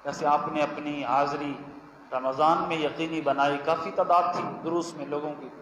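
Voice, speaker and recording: High-voiced Punjabi preacher in an echoing hall. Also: male voice, steady tone, a bit bright, a little hiss or hum. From Pakistan, Punjab. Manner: chants Arabic verses slowly, then explains them with emphatic repetition. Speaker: religious scholar giving a weekly lesson. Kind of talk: sermon. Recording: echoey hall with long reverb, faint ambience.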